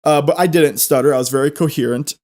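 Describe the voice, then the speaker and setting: A man's voice: a little high, fast, a little mellow. A man telling a personal anecdote casually, in a rambling, repetitive and self-deprecating way. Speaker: storyteller.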